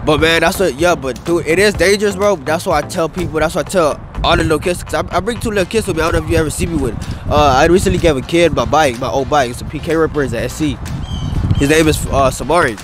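A fast-talking young adult man with a fairly high voice is the interviewee here, a wheelie rider standing on an open grassy field near a city skyline. He rambles casually in slang, saying "bro" and "dude" a lot, into the interviewer's handheld mic as music plays underneath.

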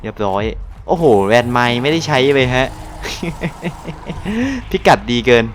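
A young man from Thailand giving casual live commentary over his gameplay, excitable and loose, swearing and exclaiming at the action. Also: fairly high pitch, slow pace, slight background noise. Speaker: gaming channel host.

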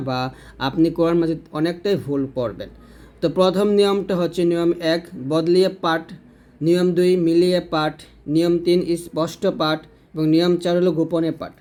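A man with a fairly high voice teaches Quran recitation rules in a clear, patient lesson. He explains each rule plainly, then recites examples slowly and with long drawn-out sounds. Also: a little mellow. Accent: Bangladeshi Bengali.

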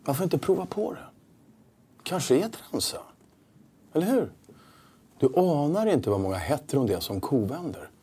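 An actor playing a glib male doctor who gives odd advice in a smooth, persuasive way. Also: fairly high pitch, big pitch swings, long pauses, dark tone. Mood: coaxing.

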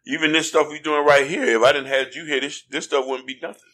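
A man's voice: a little high, fairly even intonation, fast talker, bright, forceful tone. An American man co-hosting a casual podcast chat, talking in an earnest, preachy way and often asking "you know what I mean?". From United States. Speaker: podcast co-host. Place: podcast studio in Florida.

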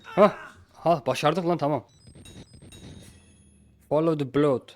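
A man doing a let's play commentary of a horror game, swinging between frantic yelling at pursuers and quiet muttering. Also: on the high side, slow. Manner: frantic shouting at pursuers, then calm muttering. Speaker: gameplay streamer.

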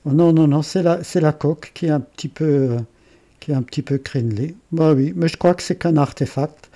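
A man with an Alsatian accent walking through a software tutorial, thinking aloud, correcting himself and adding chatty asides. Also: on the high side, fairly quick. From Alsace. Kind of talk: screen-recorded software tutorial.

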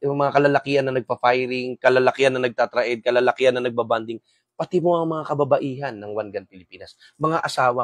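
A man hosts a live-stream talk, speaking in an earnest, preachy way and peppering his lines with quick tag questions to his audience. His voice sits in a middle range. The sound is close and dry, with no room echo. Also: mid-range voice. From Samar, Philippines. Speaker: host of a gun-owner talk show. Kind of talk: live-stream talk to viewers, reading comments.

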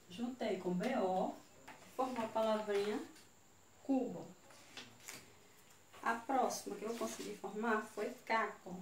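A woman with a Brazilian Portuguese accent giving a children's video lesson, spelling out syllables slowly. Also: medium pitch. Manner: slow, syllable-by-syllable teaching. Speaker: teacher. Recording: echoey room, voice from far off, faint hiss.

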